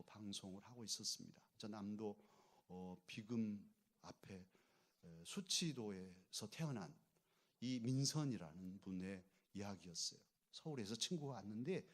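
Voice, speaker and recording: A man preaching a sermon as pastor, telling a story and building to rising fervor, and asking the congregation to repeat lines back to him. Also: lowish voice. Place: church sanctuary.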